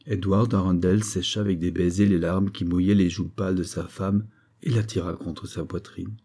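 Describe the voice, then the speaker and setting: A man narrating a classic novel as an audiobook in a measured, even manner. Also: sits low.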